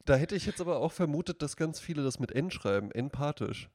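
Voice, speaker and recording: A man from central Hesse co-hosting a casual podcast chat, chatty and quick to laugh, explaining grammar rules at length. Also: on the high side, expressive, a little mellow, dry recording, studio quality. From central Hesse, Germany. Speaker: podcast co-host.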